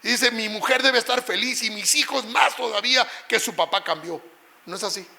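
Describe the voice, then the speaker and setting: A middle-aged male pastor preaching an emotional sermon, telling a personal story and rising at times to shouts. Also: high voice, a little fast, gravelly.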